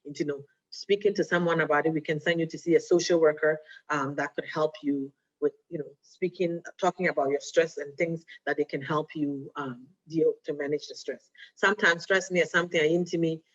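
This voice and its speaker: A woman's voice: deep voice, fairly even intonation, fairly quick, few pauses. Woman giving a casual health talk. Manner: conversational, often checks in with "right?"; mixes Twi phrases into English. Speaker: diabetes educator. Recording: dull lo-fi recording.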